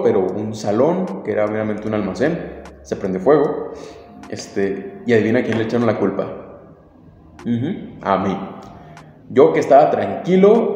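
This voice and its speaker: A laid-back Mexican man spins a casual podcast story, full of slang and swearing. His voice is mellow and warm. It bounces around a very echoey room with a long reverb tail and faint music underneath. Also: mid-range voice. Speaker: podcast host.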